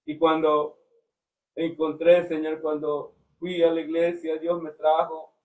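A man's voice: fairly high pitch, completely flat delivery, darkish tone, recorded from a distance, low-quality recording. A man giving a fervent devotional testimony, often breaking in with praise to the Lord. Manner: fervent, slow, frequent "Señor" interjections. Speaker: church member giving testimony.

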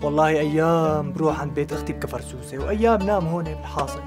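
An actor playing a poor, gullible bachelor worker who talks politely and evasively, with a Damascene Arabic accent. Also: male voice, fairly high pitch, close to an everyday voice. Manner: polite, evasive, quick to believe. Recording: TV drama audio with music behind.

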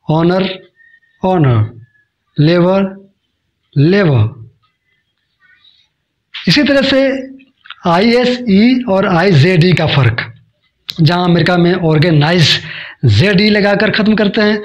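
Slow, high-voiced teacher. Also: male voice. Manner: slow, deliberate, repeats example words and sentences. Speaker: English teacher. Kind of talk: spoken English lesson.

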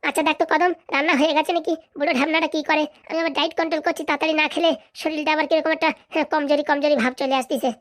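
A woman voicing a bossy, sharp-tongued cartoon wife who scolds and insults her husband. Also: sits high, flat delivery, racing, few pauses. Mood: scolding. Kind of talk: comic cartoon dubbing.

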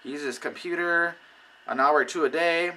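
A man giving casual how-to advice on recruiting people, animated and acting out conversations. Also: a little high, normal speed, low-quality recording. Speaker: network marketing recruiter. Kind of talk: casual how-to video talk.

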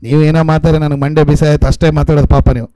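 High-voiced preacher with a North Karnataka accent. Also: male voice, little pitch movement, fast, warm tone, no room sound, poor audio. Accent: North Karnataka Kannada. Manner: keeps quizzing the congregation, repeats phrases. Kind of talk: sermon with call-and-response questions. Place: church in a coastal city.

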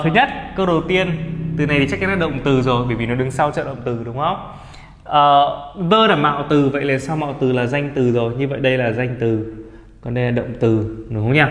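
Male teacher with Vietnamese accent, patient step-by-step explainer, roomy reverb. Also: mid-range voice. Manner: explains step by step, often asks for confirmation. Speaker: English teacher. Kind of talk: classroom lesson. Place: classroom with a board. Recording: echoey room.

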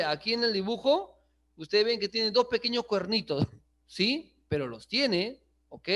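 A man's voice: sits high, fairly bright tone. A man teaching an English class online, switching between languages and checking in with the students often. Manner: checks understanding with frequent "¿sí?", chuckles often. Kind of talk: online class, bilingual explanation.

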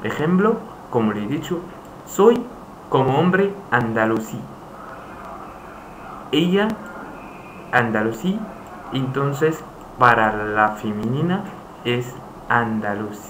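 A man teaching a lesson in a slow, halting way, repeating phrases for his students. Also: medium pitch, lively intonation, a bit bright. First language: Arabic. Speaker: Arabic teacher. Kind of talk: screen-recorded language lesson. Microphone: voice-over on screen recording. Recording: echoey room, faint hiss.

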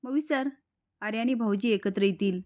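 A woman's voice: mid-range voice, moderate pace, dark tone, lightly acted. A woman voicing a scheming, coaxing sister-in-law in a serial recap. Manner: coaxing and conspiratorial.

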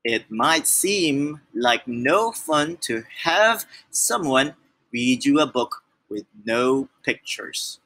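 A man reads a children's book aloud, speaking to the young listener directly. He is playful and over the top. His delivery is very slow and drawn out, with pitch that leaps around. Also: expressive, bright, forceful tone. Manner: playful, exaggerated, talks straight to the child. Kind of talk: reading a storybook aloud to kids.

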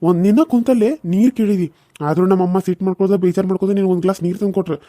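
A man's voice: sits high, fairly even intonation, rapid-fire, dark tone, no echo, lightly acted. [name], a man doing a stern cartoon husband. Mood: angry. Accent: North Karnataka Kannada. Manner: lecturing, reproachful. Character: young husband, stern and quick-tempered. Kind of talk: Kannada cartoon serial voice acting.

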